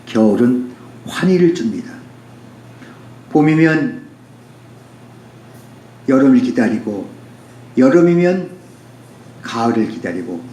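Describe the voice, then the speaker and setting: In a mellow, medium-pitched voice, a man speaking as a poet delivers a reflective, unscripted talk, circling back to repeated phrases as he philosophizes. He's a poet and author, and the recording carries roomy echo over faint background noise.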